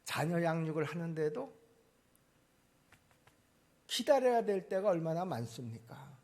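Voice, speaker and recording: A man preaching a sermon to a church congregation, swinging between loud emphatic lines and quiet asides. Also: a little high, very animated, measured pace. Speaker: pastor. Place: church sanctuary.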